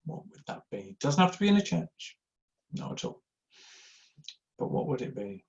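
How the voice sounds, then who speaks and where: Speaking at a moderate pace with a fairly high pitch and big swings in intonation, a gravelly middle-aged Yorkshireman gives an informal church giving talk to a live audience. He rambles through anecdotes, mocks himself and fills pauses with ums and uhs; the sound is slightly dull and lo-fi.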